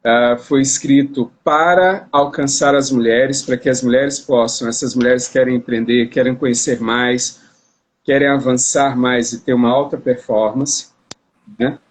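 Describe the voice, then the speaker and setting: A man's voice: medium pitch, fairly even intonation, a little slow. Chatty Brazilian man hosting a live stream. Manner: chatty, repeats words and restarts. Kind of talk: casual live-stream chat. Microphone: phone on a live video stream.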